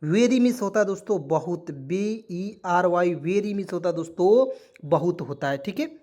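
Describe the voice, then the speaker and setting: A man's voice: high voice, a little fast, warm tone. A man teaching a beginner online lesson, spelling words out letter by letter, repeating each point and quizzing his listeners with rhetorical questions while calling them friends. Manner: keeps addressing listeners as friends.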